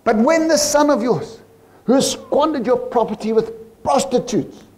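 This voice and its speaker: A preacher doing a bitter older brother, South African accent. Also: male voice, very high-pitched, animated, unhurried, darkish tone, pitched above the performer's own voice. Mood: indignant. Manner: indignant, accusing. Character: resentful older brother, grown man, bitter and angry.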